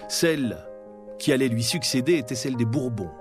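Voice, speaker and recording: A man giving scripted documentary narration in a measured, dramatic storytelling manner with pauses. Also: mid-range voice, lively intonation. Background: faint background music.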